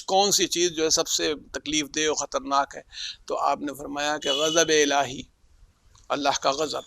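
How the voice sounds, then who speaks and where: A man delivering a religious sermon, telling stories and voicing the figures in them with sudden loud rises. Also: a little high, gravelly, no echo. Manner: storytelling, acts out quoted figures with loud rises. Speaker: religious speaker. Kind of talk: Muharram majlis sermon.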